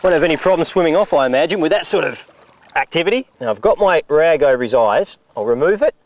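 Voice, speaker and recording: A middle-aged Australian man hosting a fishing show, explaining technique on a riverbank and getting excited when fish bite. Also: a little high, fast. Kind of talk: on-location fishing demonstration. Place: outdoors on a river beach.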